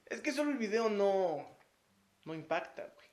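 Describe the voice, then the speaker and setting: A man's voice: sits high, very animated, moderate pace, darkish tone. A man with a Mexican Spanish accent in a casual chat as a co-host, cracking crude jokes in slang.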